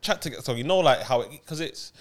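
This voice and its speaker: A man's voice: medium pitch, animated, fast. A man with a London accent chatting in a slangy, casual way on a podcast. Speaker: podcast co-host.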